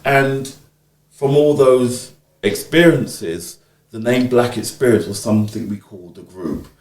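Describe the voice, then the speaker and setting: A man's voice: medium pitch, unhurried. A man in his fifties from the UK, telling stories in an interview and acting out the voices of the people he quotes. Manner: animated, acts out quoted speech. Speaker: interviewee, community organiser. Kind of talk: conversational storytelling. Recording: echoey room.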